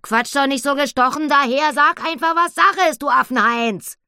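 A woman voicing a loud, brash female pig who talks in crude slang and shouts. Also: high-pitched, normal speed, no room sound, studio quality, pitched above the performer's own voice. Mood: rowdy.

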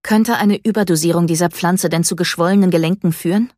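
A woman voicing an angry, defiant teenage girl who talks in a sharp, confrontational way. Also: fairly low pitch, brisk, no echo, studio quality, natural voice.

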